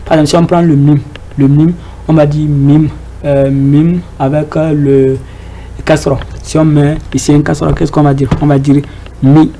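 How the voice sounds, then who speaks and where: A man's voice: on the high side, level tone, normal speed, warm tone, a little hiss or hum, low-quality recording. A man giving an informal Arabic reading lesson, hesitant, with many fillers, repeated words and rhetorical questions to the class. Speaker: Arabic teacher.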